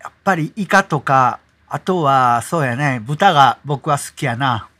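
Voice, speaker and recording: A middle-aged man with a Kansai accent, relaxed and explanatory, walking viewers through an app as a tutorial host. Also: mid-range voice, measured pace. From Kansai, Japan.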